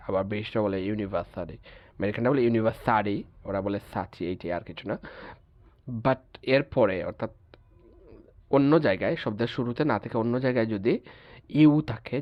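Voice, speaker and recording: A man teaching English pronunciation in a class lecture, patiently repeating example words slowly and checking that students follow. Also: mid-range voice, highs cut off.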